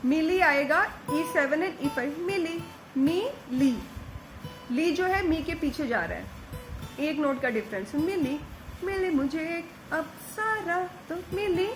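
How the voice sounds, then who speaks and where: A woman giving a patient step-by-step guitar lesson, singing short lyric snippets slowly between explanations. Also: sits high, animated, low-quality recording. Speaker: guitar teacher. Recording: faint guitar behind voice.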